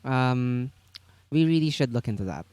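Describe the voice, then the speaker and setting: A man's voice: mid-range voice, expressive, normal speed, a little mellow, smooth, no echo. A young man from the Philippines hosting a casual chat about tabletop games, easygoing, explaining things at length with many fillers. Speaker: host.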